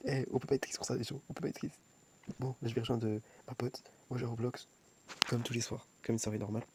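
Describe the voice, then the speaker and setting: Filming a casual vlog on his phone at home at night, a young man rambles and mocks himself, frequently repeating words and starting over. He speaks fast at a medium, steady pitch with a darkish tone, and there's slight background noise.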